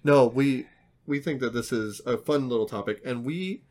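A man's voice: medium pitch, moderate pace, darkish tone. A man co-hosting a casual board game podcast, playful and teasing, telling little stories animatedly. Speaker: podcast co-host.

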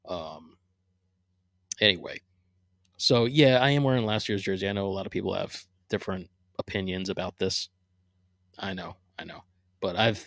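A man's voice: lowish voice, dry recording, studio quality. A man hosting his own podcast from his living room. He chats casually and rambles, with many fillers and restarts. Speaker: podcast host. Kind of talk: casual solo podcast chat.

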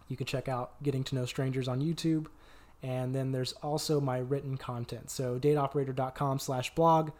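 A man's voice: mid-range voice, darkish tone. A man hosting a podcast, giving an upbeat, promotional outro as a dating coach.

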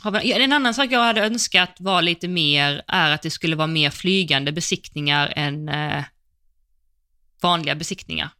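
A woman co-hosting a podcast, chatting casually and thoughtfully about competition riding, often pausing with fillers. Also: sits low, bright, forceful tone, dry recording, studio quality. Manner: thoughtful, hedges with frequent fillers. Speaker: podcast co-host.

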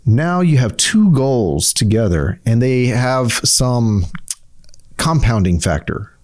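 A middle-aged man co-hosting a casual podcast chat, halting and repeating words as he thinks. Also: mid-range voice, lively intonation, a little mellow. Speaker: podcast co-host.

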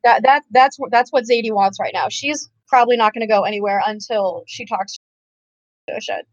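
A woman's voice: a little high, fairly quick, dry recording. A woman playing in an online tabletop game, talking hesitantly with many restarts and fillers over a voice-chat line that breaks up. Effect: muffled voice-chat line that breaks up. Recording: dull lo-fi online call audio.

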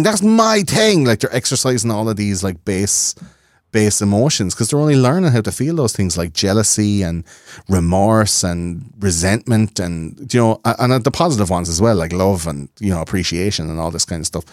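Swearing Irish man, low voice. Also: a little fast, no room sound, clean studio sound. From Ireland. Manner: swearing, animated, acts out quoted voices. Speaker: podcast guest. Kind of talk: casual interview chat.

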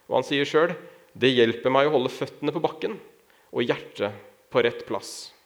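A man preaching as a pastor, telling stories and lifting his voice when he acts out shouting figures. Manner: storytelling, raises pitch when acting out shouts. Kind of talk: sermon.

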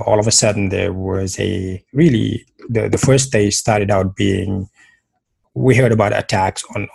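Gravelly, husky man from Senegal. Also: lowish voice, darkish tone, dry recording. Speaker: podcast guest, motivational speaker and life coach. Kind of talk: conversational storytelling interview.

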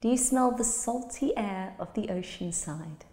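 Slow, soothing woman in echoey hall. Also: medium pitch, animated. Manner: slow, soothing, soft-spoken delivery. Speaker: meditation guide. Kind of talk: guided relaxation visualization. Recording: roomy with long reverb.

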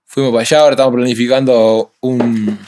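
A young man with a Uruguayan Spanish accent talks in a casual interview. He tells his stories with animated street slang and switches into other people's voices as he goes. His pitch sits in a typical middle range for a man. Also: quick pace. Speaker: rapper guest.

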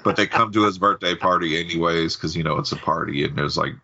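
A man co-hosting a podcast, casually retelling a film plot in a relaxed way. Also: deep voice, fast talker, dull audio. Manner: relaxed storytelling, recounting a plot with restarts. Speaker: podcast co-host. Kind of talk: casual chat about films.

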